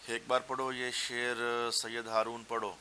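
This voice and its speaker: Man, Punjabi accent, classroom teacher, clear bright tone, faint hiss, repeats words and chants verse. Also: medium pitch, level tone. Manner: explains step by step, repeats words, chants Persian verse slowly and loudly. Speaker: teacher of a Persian text class. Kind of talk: classroom lesson. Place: classroom with students.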